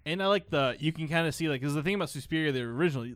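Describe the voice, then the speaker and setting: A man in his twenties hosting a casual film podcast, excitable and full of swearing and filler words. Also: on the high side, rapid-fire, clear, resonant tone, no echo, clean studio sound. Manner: excitable, swears a lot, lots of "like". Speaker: podcast host. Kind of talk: casual chat.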